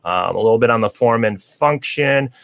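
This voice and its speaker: A man's voice: medium pitch, expressive, moderate pace, creaky, a bit bright, no echo. A man hosting a casual radio talk show, reading facts aloud with chatty asides and frequent laughs. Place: radio studio.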